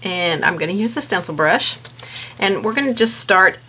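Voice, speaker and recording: A woman teaching a step-by-step painting lesson in a relaxed, chatty way, with many fillers. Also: medium pitch, normal speed, a little hiss or hum. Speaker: painting instructor. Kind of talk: paint-along tutorial.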